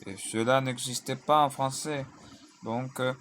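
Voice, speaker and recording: A man's voice: medium pitch, fairly even intonation, a little slow, fairly bright tone, a little hiss or hum. A man teaching a grammar lesson, drilling verb conjugations in lists and spelling out word endings letter by letter. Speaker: language teacher.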